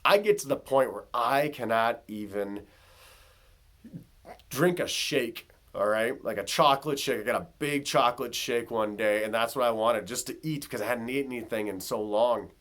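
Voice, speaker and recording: A man's voice: mid-range voice, moderate pace, fairly bright tone. A man casually telling his own story to camera in a vlog, with loose filler words and conversational asides. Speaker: vlogger.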